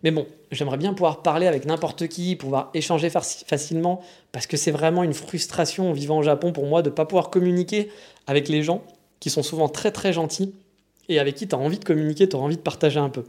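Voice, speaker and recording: A man's voice: fairly high pitch, fast talker, a little mellow. A man from France with a French accent, talking in a rambling, frank, slangy casual monologue. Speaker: vlogger living in Japan.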